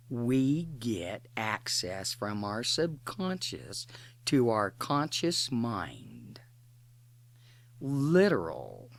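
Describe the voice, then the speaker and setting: Speaking at medium pitch, a guided imagery narrator works slowly through a meditation script. The delivery comes in brief, careful phrases, each followed by a pause.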